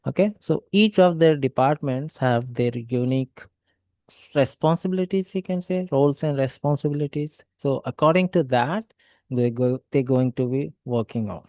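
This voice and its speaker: Dark-voiced male trainer, dry sound. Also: medium pitch, moderate pace, dry recording. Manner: explanatory, repeats okay so. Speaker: cybersecurity trainer. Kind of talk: online lecture.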